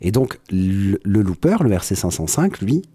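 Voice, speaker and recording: A man with a French accent giving a relaxed, hesitant live-stream tutorial on his music setup from his home studio. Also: low-pitched, moderate pace, breathy edge, dry recording. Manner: explanatory, with frequent hesitations and "hop" interjections.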